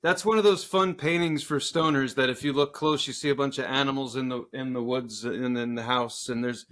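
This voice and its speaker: A man in his forties co-hosting a podcast in casual banter, crude and joking and quick to laugh. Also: mid-range voice, fairly even intonation, a bit bright. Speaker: podcast co-host.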